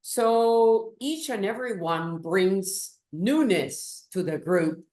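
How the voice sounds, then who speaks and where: Slow-speaking Peruvian-born woman, echoey room. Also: medium pitch, animated, a little mellow. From Peru. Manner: slow, thoughtful, emphatic. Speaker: guest, business executive. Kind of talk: interview.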